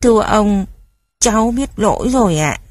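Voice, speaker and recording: A woman's voice: medium pitch, lively intonation, normal speed, a little mellow, no room sound, clean studio sound, lightly acted. A woman voicing a timid, mischievous little boy who pleads shyly. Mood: pleading. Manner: pleading, shy.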